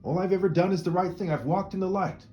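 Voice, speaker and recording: His voice sits high and moves fast, a little mellow, though the recording is muffled with slight background noise. This video commentator's to-camera monologue is opinionated and meandering, dotted with "right?" tags and sentences restarted over repeated words.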